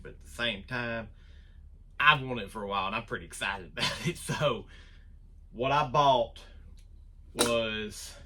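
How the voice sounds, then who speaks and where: A man's voice: lowish voice, pushed and bright, slight background noise. A man hosting his woodworking channel, talking casually and rambling through an unboxing in his shop. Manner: rambling, self-deprecating, restarts often. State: out of breath.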